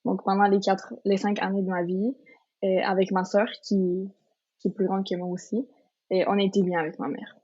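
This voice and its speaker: A woman in her twenties from Colombia talks earnestly as a podcast guest, pausing and restarting often. Her pitch sits mid-range for a woman. The recording sounds a little dull and lo-fi. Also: little pitch movement, warm tone, breathy edge. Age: 20s. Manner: earnest, many fillers and restarts. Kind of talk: casual testimony chat.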